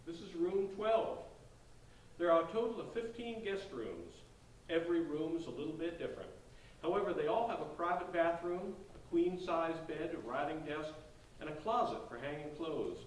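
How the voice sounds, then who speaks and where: This man's expressive voice runs a little high and close to normal speech, at a moderate pace. In a staged play reading he portrays a polite, folksy Southern real estate agent courteously pitching an old inn on a tour. The distant mic picks up hall echo and faint noise.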